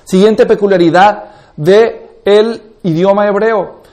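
A man with a notably high-pitched voice lectures on Bible interpretation. He explains patiently, point by point, and keeps pausing to make sure his students understand. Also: darkish tone. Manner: explanatory, often checks that listeners follow. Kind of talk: classroom lecture.

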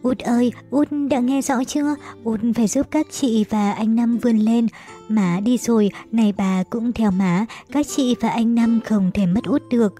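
A woman's voice: a little high, moderate pace, mellow, faint music behind, close to an everyday voice. A woman voicing a caring, anguished eldest sister from a storybook, pleading and tender with her younger siblings.

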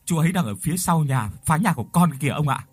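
A man's voice: on the high side, lively intonation, fast, husky, pitched above the performer's own voice. A man voicing a frightened, polite young village woman who speaks in raised, urgent calls. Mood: anxious.

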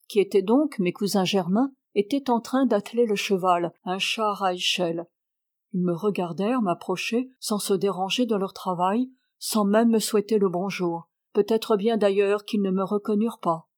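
Woman audiobook reader, mid-pitched, measured delivery, dry close sound. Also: a little mellow, dry recording. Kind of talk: reading a novel aloud.

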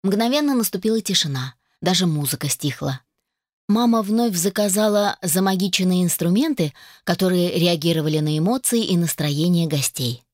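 A woman reading a first-person audiobook in a measured, wry storytelling manner. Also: lowish voice, darkish tone, no room sound, studio quality. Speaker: audiobook narrator.

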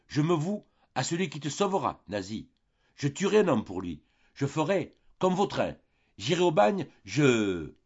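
A heartbroken old father pleads in anguished bursts, as a man reading a storybook puts him on. The husky, low voice comes through a dull, lo-fi audiobook recording. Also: expressive, normal speed, a little mellow. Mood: desperate.

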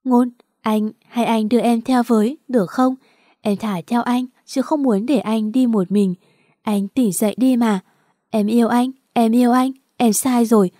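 A woman's voice: on the high side, fairly even intonation, unhurried, warm tone, no echo, clean studio sound. A woman voicing a grief-stricken young woman who pleads tearfully with her lover. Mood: pleading tearful.

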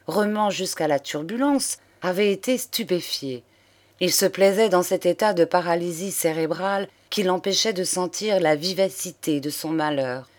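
Woman narrating a classic novel. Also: fairly low pitch. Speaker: audiobook narrator.

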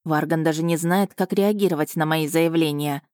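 A woman reading an audiobook in the first person, in a measured and even storytelling voice. Her pitch sits a little low, and the recording is dry and close. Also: no echo. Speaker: audiobook narrator.

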